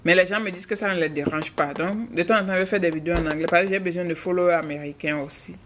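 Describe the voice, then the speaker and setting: A woman's voice: lowish voice, quick pace, background noise. A woman from Africa, a mother, hosting a live stream and chatting frankly with viewers while answering their questions. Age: adult, mother of a child.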